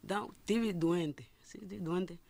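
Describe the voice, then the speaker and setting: A middle-aged woman gives a personal testimony as a listener, halting and often restarting and repeating words. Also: lowish voice, gravelly, darkish tone, dry recording. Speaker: listener telling her story.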